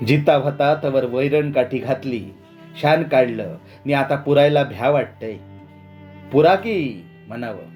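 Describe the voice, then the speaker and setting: A defiant village laborer , played by a man reading the story, answers in steady, rustic speech. He stays calm while others shout. Quiet music plays in the background. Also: mid-range voice, unhurried, natural voice.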